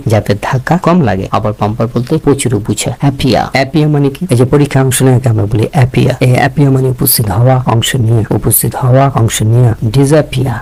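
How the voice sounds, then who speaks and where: Male teacher with a Bangladeshi accent, brisk drill-style vocabulary lesson, mid pitch. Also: darkish tone, low-quality recording. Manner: repeats each word and meaning in a drilling rhythm.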